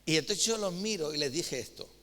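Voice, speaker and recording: Spanish preacher in a reverberant church. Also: male voice, on the high side, a little fast. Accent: Spain Spanish. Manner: lively storytelling, acting out dialogue. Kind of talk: sermon with anecdotes and scripture reading. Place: church hall. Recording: long reverb of a church hall.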